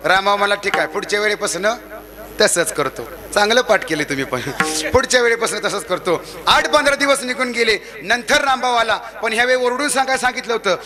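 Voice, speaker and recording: A man preaching a devotional kirtan, telling a folksy village story and acting out shouted calls. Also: high voice, expressive, brisk, a crowd in the background. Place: village temple gathering. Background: devotional music.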